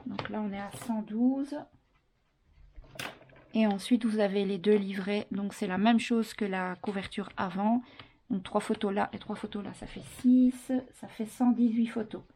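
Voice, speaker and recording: A woman's voice: mid-range voice, dark tone, slight background noise. A woman with an accent presenting a handmade scrapbook album at home in a chatty, step-by-step craft tutorial. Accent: non-French accent. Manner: chatty, counts and explains step by step with fillers.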